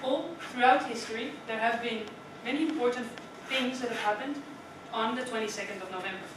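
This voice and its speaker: A young woman from the Netherlands gives a prepared speech to a club in a meeting room, chatting with the audience, asking them questions and often adding "right?". Her voice is fairly high and a little fast, recorded from a distance in an echoey, noisy room.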